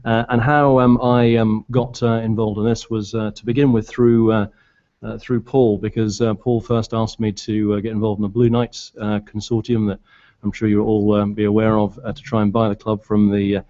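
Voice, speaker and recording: A middle-aged man from Glasgow speaks at a public meeting in a British accent softened by years in southern England. His voice is low and quite monotone, and he feels his way haltingly through each phrase. The recording is a little dull. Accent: British, anglicised by years in southern England. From Glasgow, Scotland. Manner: halting, hesitant. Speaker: board candidate addressing fans. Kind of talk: unscripted speech at a public meeting.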